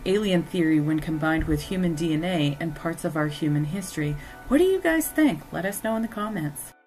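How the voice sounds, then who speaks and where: A woman's voice: fairly low pitch, low-quality recording. A woman hosting a commentary show, talking in an earnest, speculative way. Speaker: host. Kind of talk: scripted commentary.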